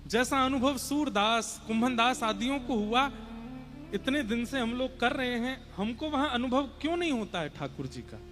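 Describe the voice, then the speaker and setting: A man's voice: extremely high pitch, lively intonation, normal speed, fairly bright tone. A young man giving a devotional sermon to a seated audience in a large hall, chanting verses and earnestly urging everyone to listen closely. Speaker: kathavachak preacher.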